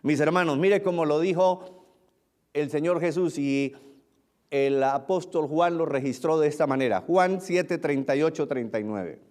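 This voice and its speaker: A male pastor preaching a sermon, repeating phrases for emphasis and swinging between loud declarations and low, hushed lines. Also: a little slow.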